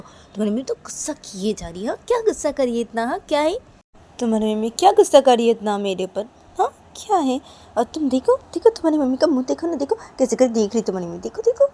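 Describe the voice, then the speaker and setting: A woman's voice: mid-range voice, lively intonation, brisk, darkish tone, husky. Woman voicing a playful wheedling young woman. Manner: pleading, repeats "what is it?" and "haan?".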